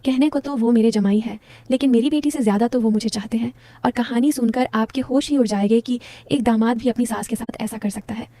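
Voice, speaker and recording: A woman's voice: on the high side, fairly quick, few pauses, warm tone, no room sound. A woman narrating a first-person story in an intimate, confiding way, talking straight to her listeners.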